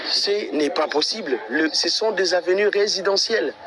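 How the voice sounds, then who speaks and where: A high-pitched man speaks at a normal speed over very heavy noise. He's a livestream vlogger, breathless as he walks through residential streets outdoors, addressing his viewers in an exasperated, repetitive way.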